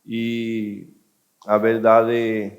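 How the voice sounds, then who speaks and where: Slow, low-voiced Venezuelan man. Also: completely flat delivery. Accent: Venezuelan Spanish. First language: Spanish. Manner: hesitant, many fillers. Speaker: guest speaker. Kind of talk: personal testimony.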